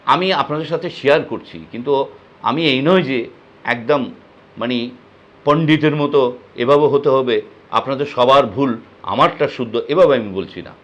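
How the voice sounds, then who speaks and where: A man giving a spoken music lesson, explaining pronunciation slowly and demonstrating words and short sung phrases. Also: mid-range voice, a bit bright. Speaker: music teacher.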